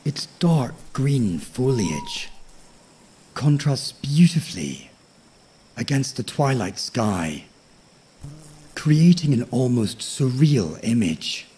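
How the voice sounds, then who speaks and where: A man with a husky, breathy voice narrating a bedtime story like a nature documentary, tranquil and measured, with frequent pauses. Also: mid-range voice, sing-song, mellow, slight background noise. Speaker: host of a sleep story podcast.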